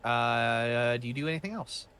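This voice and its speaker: A man's voice: mid-range voice, moderate pace, fairly bright tone, clear, resonant tone. A man narrating as game master in a casual, loose way, with many fillers and restarts.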